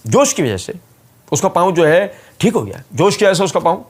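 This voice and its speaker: A man with a fairly high voice gives a polemical religious rebuttal. He is emphatic and leans into sarcasm and mockery as he argues. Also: big pitch swings, a little mellow, slightly rough. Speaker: religious speaker giving a rebuttal.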